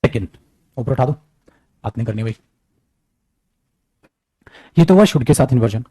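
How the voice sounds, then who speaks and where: Man, grammar teacher, lively classroom lecture, mellow tone, dry sound. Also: medium pitch, normal speed, husky, dry recording. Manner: lively, addresses students as beta, mixes English into Hindi.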